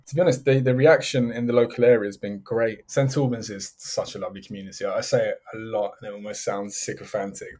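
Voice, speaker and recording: A man's voice: medium pitch, a little mellow. Man chatting in mid-range voice. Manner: explanatory, chatty. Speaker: interview guest, food business owner. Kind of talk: conversational interview answers.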